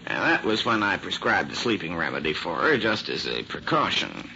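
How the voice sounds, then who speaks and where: An American actor playing an obliging, hesitant male doctor in an old-time radio drama, speaking in a halting, thoughtful way. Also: low-pitched, very animated, vocal fry, sharp tone, full character voice. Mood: helpful, recollecting. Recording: noisy, muffled old radio recording.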